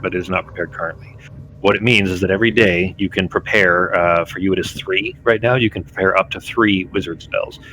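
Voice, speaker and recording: A man's voice: sits low, bright, forceful tone, slight background noise, low-quality recording. A man speaking as game master, casually explaining the rules of a tabletop game.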